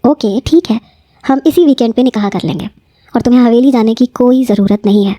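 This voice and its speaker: A woman voicing a caring young male professor who speaks gently and reassuringly. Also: fairly high pitch, no room sound, natural voice. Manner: gentle, reassuring, then serious.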